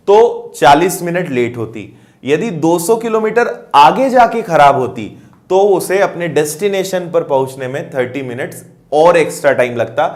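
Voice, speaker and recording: A man teaching maths, explaining word problems step by step and checking that students follow. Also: fairly high pitch. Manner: explanatory, checks understanding with questions. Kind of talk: explaining math problems on a board.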